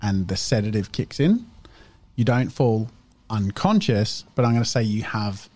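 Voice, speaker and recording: A man's voice: lowish voice, sing-song, normal speed, darkish tone. A man acting as game master, improvising narration and rulings for a tabletop game.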